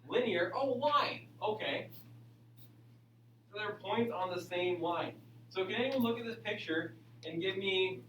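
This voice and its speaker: A man teaches a school class in a high, fairly bright voice at a measured pace, pausing often. He repeats himself step by step and urges students on like an aerobics instructor, checking in with frequent "okay"s. The classroom is echoey, with a distant mic and a faint hum.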